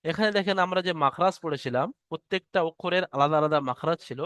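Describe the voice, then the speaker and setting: A man teaching Quran recitation in an online lesson, chanting verses slowly and explaining pronunciation patiently. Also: on the high side, fairly bright tone, clean tone, no echo.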